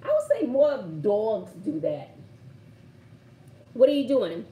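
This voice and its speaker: Woman, Brooklyn accent, very lively intonation, playful emphatic host, casual game chat, echoey room. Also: fairly high pitch, slow pace, far from the mic. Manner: animated, playful, repeats phrases emphatically. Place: indoor home room by shuttered window. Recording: roomy echo, faint background noise.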